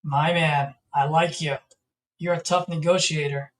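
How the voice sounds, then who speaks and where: A man works a sales call as a real estate investor, friendly and joking. He keeps pushing the seller for a quick close and a lower price. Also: steady tone. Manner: friendly, pushy haggling, jokey.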